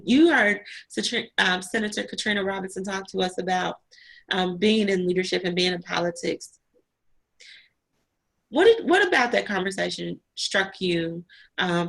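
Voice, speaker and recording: A woman's voice: fairly low pitch, creaky, fairly bright tone, rough recording. Effusive woman hosting an online panel. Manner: effusive, emotional, encouraging. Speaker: host.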